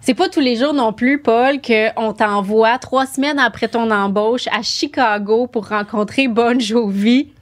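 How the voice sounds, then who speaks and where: A woman hosting an interview and prompting her guests with quick follow-up questions. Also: on the high side. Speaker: interviewer, host. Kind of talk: interview conversation.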